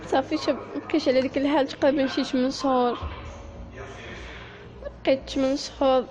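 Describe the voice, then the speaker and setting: A young Moroccan woman with a high voice tells her own painful story, halting and close to tears. The recording is dull and lo-fi. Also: little pitch movement, over music. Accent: Moroccan Arabic. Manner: halting, emotional, often near tears. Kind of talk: personal story told to listeners.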